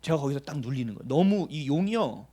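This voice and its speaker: A man's voice: on the high side, animated, fast, warm tone. A middle-aged male pastor preaching a sermon, telling stories animatedly, acting out dialogue and pressing with emphatic rhetorical questions.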